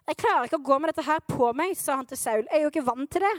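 A woman preaching to a youth meeting, retelling a Bible story in a playful, animated way, questioning her audience and acting out the characters. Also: high-pitched, no room sound.

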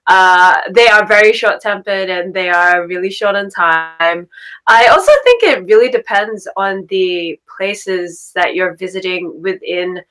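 A woman's voice: medium pitch, a little slow, fairly bright tone, low-quality recording. An Australian woman hosting a podcast interview, chatty, laughing often and repeating words for emphasis. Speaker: podcast host.

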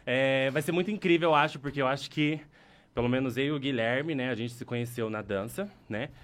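A man's voice: medium pitch, fairly quick, a bit bright. A man with a Brazilian accent hosting a podcast, talking in a playful, campy, teasing way. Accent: Brazilian Portuguese. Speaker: podcast host. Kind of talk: casual podcast chat.

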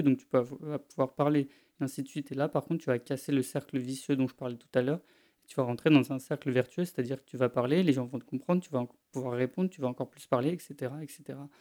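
A young man from France hosting his own language-learning podcast, chatting straight to the listener in a relaxed, informal way. His voice sits in a mellow, darker register, and his pitch stays fairly level throughout. He often restarts phrases and fills gaps with hesitations. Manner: informal, addresses listener as "tu", many restarts and fillers. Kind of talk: casual solo podcast talk.

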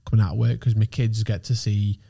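A man's voice: lowish voice, level tone, fairly quick, gravelly, dark tone, breathy edge. A man in his thirties, an agency founder, talking as a podcast guest in a chatty, rambling way. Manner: chatty, rambling, lots of "like" and restarts. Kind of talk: casual podcast chat.

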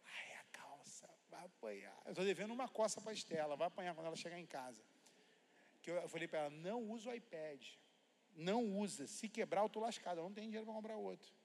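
A man's voice: sits high, quick pace, a little mellow. A man preaching as pastor at a church service, reading scripture emphatically and telling chatty stories to the congregation. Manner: chatty storytelling with asides to the congregation. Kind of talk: sermon. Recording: reverberant church hall.

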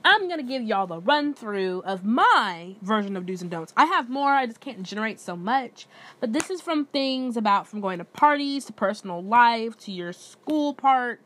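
A woman's voice: a little high, fairly bright tone, a little hiss or hum. A woman, talking loose and slangy with plenty of cursing, calling her listeners y'all. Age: 20s. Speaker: podcast host. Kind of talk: casual solo podcast chat.

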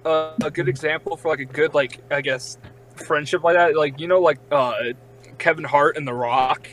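A man's voice: on the high side, fairly even intonation, normal speed, a bit bright, faint music behind, rough recording. A young man co-hosting a podcast, talking casually and rambling with lots of filler words. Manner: rambling, heavy use of "like". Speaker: podcast co-host. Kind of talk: casual chat.

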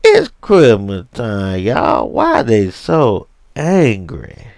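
A tipsy, grumbling old uncle, as a podcast host puts him on, rambling loud and slow with a gravelly rasp. He drawls his slang with lively swings in pitch. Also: no room sound, exaggerated voice. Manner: rambling, slurred slang, drawn-out storytelling. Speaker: comic character on a podcast.

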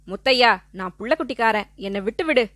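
A woman's voice: fairly high pitch, moderate pace, fairly bright tone, no echo, lightly acted. A woman voicing a cowardly older man who begs for mercy between sobs. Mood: pleading. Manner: whimpering, begging.

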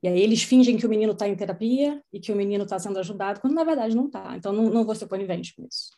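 A woman's voice: mid-range voice, very fast. A middle-aged woman psychologist telling stories from her practice in a podcast conversation, acting out what people said. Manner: storytelling, animated quoting of others. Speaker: child psychologist.

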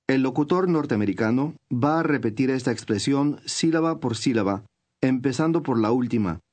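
A man reading scripted instructions for a language course, clear and measured. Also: medium pitch, expressive, darkish tone.

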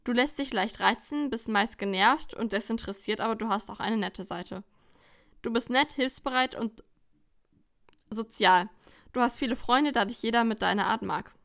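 A woman's voice: a little high, moderate pace, creaky, fairly bright tone. A young woman co-hosting a casual podcast chat, reading quiz questions aloud with a wry, teasing manner. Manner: wry, teasing, breaks into laughter. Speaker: podcast co-host.

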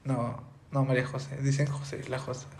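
A man's voice: mid-range voice, level tone, a little fast, gravelly, a little mellow, reverberant. A man with a Mexican Spanish accent co-hosting a podcast, rambling through stories in casual chat and trailing off as he searches for names. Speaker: podcast co-host.

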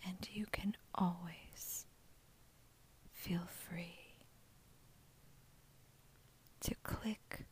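Woman, host, breathy whisper, very slow, soothing sleep meditation, dry close condenser mic. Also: fairly low pitch. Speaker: podcast host. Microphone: USB condenser microphone.

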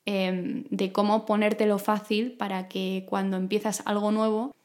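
A woman speaks at an average pitch, with an R that comes from the throat. She hosts in a conversational monologue style, explaining things informally and addressing the listener directly. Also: little pitch movement, normal speed, darkish tone. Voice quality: throaty, guttural R. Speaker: podcast host. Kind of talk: conversational self-improvement monologue.

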